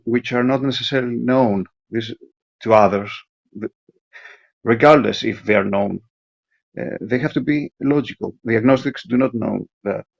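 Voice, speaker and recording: Male voicemail caller, gravelly and husky, halting lecture delivered to an answering machine over a dull lo-fi line. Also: mid-range voice, dry recording. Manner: halting, lecturing, frequent restarts and stumbles. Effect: answering machine voicemail message. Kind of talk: recorded voicemail monologue.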